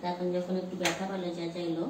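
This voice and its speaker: A vlogger who cares for stray dogs chats casually outdoors while tending to them, coaxing and scolding as she goes. Her lowish voice is monotone and fast, captured on roomy, off-mic phone audio with loud background noise.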